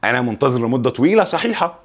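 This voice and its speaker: A young man with an Egyptian Arabic accent teaching an exam review lesson. He reads the English examples slowly and teases the students with joking asides. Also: medium pitch, very animated.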